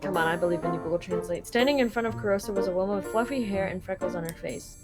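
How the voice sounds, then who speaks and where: A woman's voice: medium pitch, racing. Laughing woman translating a game live. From Canada. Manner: laughing, filler-heavy and casual. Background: game music.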